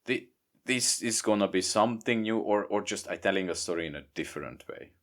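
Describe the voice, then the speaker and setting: A young Hungarian man with a Hungarian accent, a guest author talking casually in a podcast interview, halting and repeating words. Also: fairly low pitch, lively intonation. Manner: halting, repeats words, non-native grammar. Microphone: remote podcast recording.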